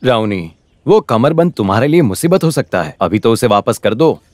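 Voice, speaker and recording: Male dub actor for a preachy teacher, animated sing-song delivery, dry close sound. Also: medium pitch, normal speed, dry recording, lightly acted. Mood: moralizing. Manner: advising, moralizing. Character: male village teacher, advising and moralizing. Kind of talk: film dub acting.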